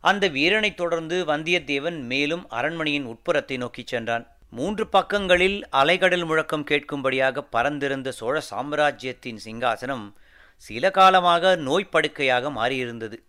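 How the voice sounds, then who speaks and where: A man narrating an audiobook of a historical novel in a measured, formal storytelling manner. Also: on the high side, bright, forceful tone.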